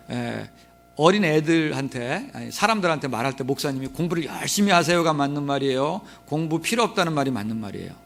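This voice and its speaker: A man's voice: fairly high pitch, creaky, a bit bright. A man preaching a sermon as pastor, joking and asking the congregation questions, sometimes slipping into regional dialect. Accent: Korean dialects mixed, Jeolla touches. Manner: humorous, asks the congregation questions and has them repeat. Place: church sanctuary.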